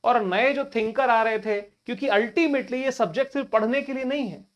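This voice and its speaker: A man's voice: very high-pitched, normal speed, highs cut off. A male teacher giving an exam-prep lecture in a conversational way, often asking rhetorical questions and addressing students casually. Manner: colloquial address to listeners.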